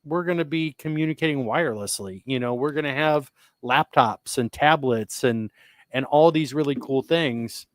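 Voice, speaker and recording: Male podcast co-host, casual rambler, even mid voice, dry studio sound. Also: medium pitch, normal speed, no room sound. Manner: rambling, restarts often, enthusiastic about sci-fi tech. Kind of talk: casual chat.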